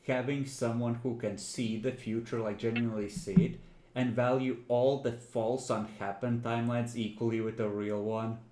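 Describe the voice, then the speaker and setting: A man's voice: mid-range voice, little pitch movement, normal speed, mellow, reverberant. A man running a tabletop role-playing game as game master, narrating conversationally in a teasing, dramatic way.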